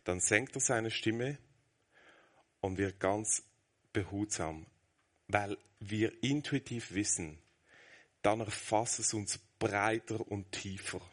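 An earnest male preacher in his thirties with a fairly low voice. He explains at a brisk clip, then drops to a soft, hushed near-whisper to make his point. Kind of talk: sermon.

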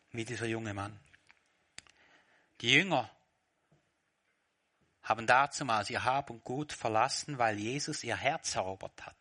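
Male preacher, unhurried sermon that swings between hushed and loud passages. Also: mid-range voice. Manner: swings from quiet reflection to loud, shouting retellings.

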